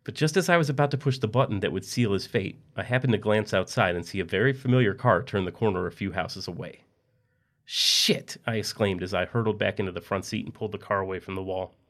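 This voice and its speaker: A man reading a dark story aloud in a steady, matter-of-fact narration. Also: on the low side, fast talker, few pauses.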